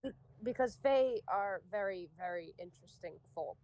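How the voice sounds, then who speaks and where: A woman's voice: mid-range voice, animated, moderate pace, a little mellow, poor audio. A woman running a tabletop game as game master, playful, swearing and laughing often.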